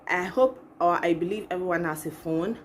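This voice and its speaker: Chatting casually and expressively to viewers, a young Ghanaian-accented channel host records in her living room with background music. She speaks at normal speed in a lowish voice, with a little hiss or hum audible.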